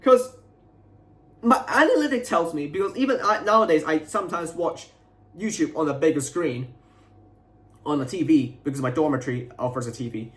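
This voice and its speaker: This young man, a video creator, airs his grievances to viewers in a frustrated, off-the-cuff rant, faltering and going over the same points as he rambles. His pitch is a little high.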